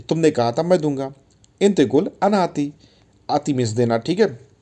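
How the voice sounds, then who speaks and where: A man's voice: fairly high pitch, mellow. Chatty Hindi-speaking man teaching Arabic. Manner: chatty, calls listeners brother, repeats words for drilling. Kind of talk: casual spoken language lesson.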